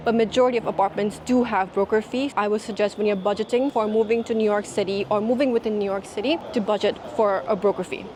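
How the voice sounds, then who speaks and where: A woman's voice: mid-range voice, a little mellow, a little hiss or hum. A woman, earnestly explaining tips step by step in a casual advice vlog. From Nepal. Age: 30s. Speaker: vlogger.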